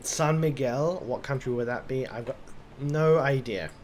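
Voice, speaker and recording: A man's voice: mid-range voice, measured pace, darkish tone, a little hiss or hum. A drunk man giving casual, rambling commentary on a game, swearing and talking to himself. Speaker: gaming commentator.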